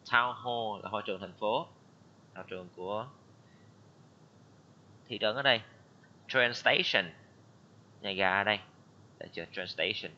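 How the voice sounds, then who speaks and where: A man's voice: on the low side, moderate pace, long pauses, sharp tone, lo-fi sound. A man teaching an English class online, reading vocabulary words and explaining them. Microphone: computer mic on a video call.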